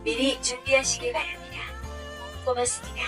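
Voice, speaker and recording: Brisk woman's train announcement over a loudspeaker. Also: high voice, monotone. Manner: polite, formal, evenly paced phrasing. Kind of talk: recorded onboard announcement. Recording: distant loudspeaker with music behind.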